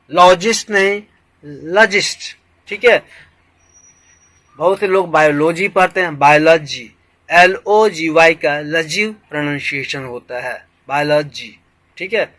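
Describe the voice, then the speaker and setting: A man talks through a vocabulary lesson at a very unhurried pace. His voice is bright and a little high for a man. He leans on the same phrase again and again and breaks words apart slowly as he drills them. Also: no room sound, low-quality recording. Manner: lecturing, repeats "ठीक है", mixes English phrases; boastful about his own teaching. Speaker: English teacher. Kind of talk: Hindi-language lecture.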